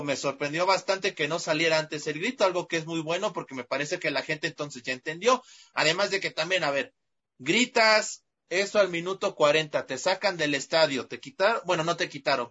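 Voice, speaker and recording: A Mexican man co-hosting a football talk show, chatting quickly and putting questions to his co-host. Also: sits high, sharp tone, highs cut off.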